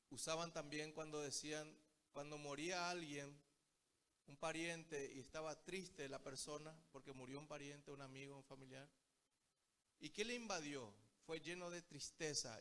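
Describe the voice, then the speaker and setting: His voice sits a little high with a fairly bright tone. Telling stories throughout a Bible study sermon, the man from Paraguay keeps turning to his listeners as "brothers."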